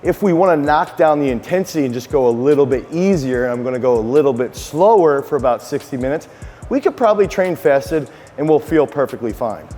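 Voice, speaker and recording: A man in his thirties, a strength coach, giving an energetic sponsored explainer on workout nutrition. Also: medium pitch, a little fast, big-room sound, soft background music.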